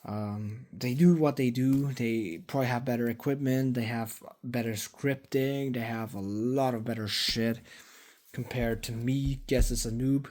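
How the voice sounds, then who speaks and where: A man's voice: medium pitch, fairly even intonation, unhurried, darkish tone. A man of twenty giving a casual, rambling vlog update, swearing freely and filling gaps with fillers and restarts. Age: 20s. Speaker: YouTuber. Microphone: phone.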